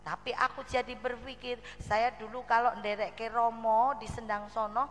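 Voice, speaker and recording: A woman with a Javanese accent giving a lively storytelling sermon about her conversion, acting out the voices of her friends as she speaks to a female audience. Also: a little high, moderate pace, in a large hall.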